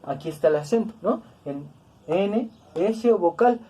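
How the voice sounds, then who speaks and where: A woman teaching a grammar lesson, speaking slowly and deliberately, repeating words to stress each syllable. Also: medium pitch, animated, dark tone, slightly rough. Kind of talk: classroom-style grammar lesson.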